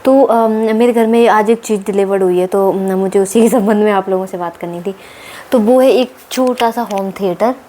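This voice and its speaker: A woman chats casually to her viewers in a late-night vlog from home, filling her pauses with hums and clearing her throat. Her voice sits at an ordinary middle pitch. A faint hiss runs under the recording. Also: mellow. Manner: chatty, many fillers and throat clearing. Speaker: vlogger.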